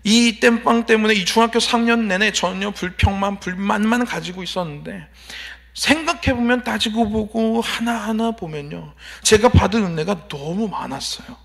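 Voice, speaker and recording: High-voiced man preaching a sermon. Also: moderate pace, creaky, a bit bright. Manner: personal storytelling with emphatic polite endings and rhetorical questions. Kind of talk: evening church sermon. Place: church sanctuary.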